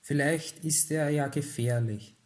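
Brief: snobbish, easily shocked mother in a storybook, slow and proper, a male narrator putting her on. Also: on the high side, close to an everyday voice. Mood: prim. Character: prim, snobbish upper-class mother.

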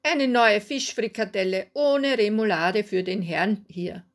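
A woman's voice: mid-range voice, lightly acted. A woman voicing a harried, flustered woman running a busy fish stall in a read-aloud story. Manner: flustered, hurried.

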